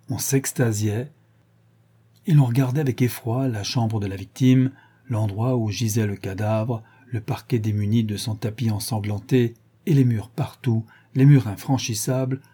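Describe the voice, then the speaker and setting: A man narrating a classic novel in a measured storytelling manner. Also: medium pitch, dark tone, breathy edge. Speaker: audiobook narrator.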